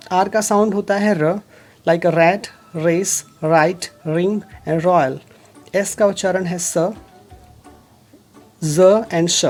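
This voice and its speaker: A woman gives a phonics lesson in a slightly low voice. She speaks very slowly and deliberately and reads out lists of example words one by one. Soft music plays faintly behind her. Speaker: English teacher. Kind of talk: phonics lesson explained in Hindi.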